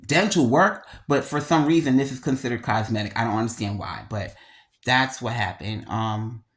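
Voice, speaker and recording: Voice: mid-range voice, normal speed. A speaker in their thirties with a slight lisp from missing front teeth, talking candidly and emphatically in slangy, casual vlog style, repeating words for emphasis. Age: 30s. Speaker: video creator.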